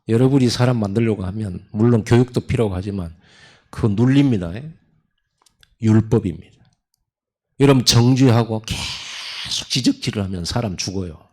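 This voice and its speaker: A man from Korea, a pastor, preaching a sermon in a conversational storytelling way with sudden loud emphasis. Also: on the low side, husky. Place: church sanctuary.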